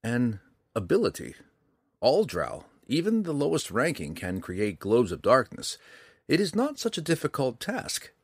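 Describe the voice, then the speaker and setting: A man voicing a calm, polite young male dark elf who speaks in a measured, formal way. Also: mid-range voice, breathy edge, dry recording, studio quality, voice pushed up, exaggerated voice. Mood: earnest.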